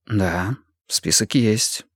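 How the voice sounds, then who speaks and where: A man reading an audiobook voices a quiet, focused young man with short, reserved replies. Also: lowish voice, very slow, slightly rough, dry recording, clean studio sound, heavily acted.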